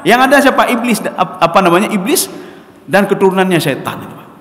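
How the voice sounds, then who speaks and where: A man's voice: high voice, quick pace. A man preaching a sermon, animatedly addressing the congregation as sir and miss. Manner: addresses the congregation as Pak and Mbak, loud and animated. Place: mosque gathering. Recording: echoey reverberant hall.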